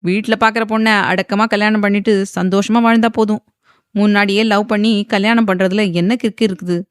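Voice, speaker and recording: A woman voicing a teasing young man in an audio novel, speaking in playful, lively banter. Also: mid-range voice, fairly quick, smooth, no echo, clean studio sound, close to an everyday voice.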